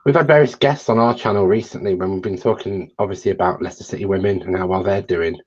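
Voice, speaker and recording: Low, husky man on dull audio. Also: quick pace, a little mellow. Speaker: show host. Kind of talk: casual interview chat.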